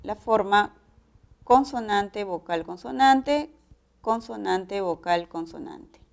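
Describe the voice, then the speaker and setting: A woman with a Peruvian accent teaching a pre-university class, explaining each step in a measured way. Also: medium pitch, animated, vocal fry. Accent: Peruvian Spanish. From Peru. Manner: measured, explanatory, spells out syllable patterns.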